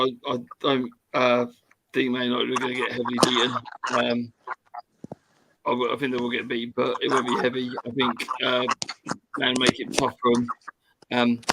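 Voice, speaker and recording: A man's voice: mid-range voice, gravelly, noisy background. A man on a panel giving football predictions, hesitant and stammering. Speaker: panel guest. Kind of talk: casual football chat.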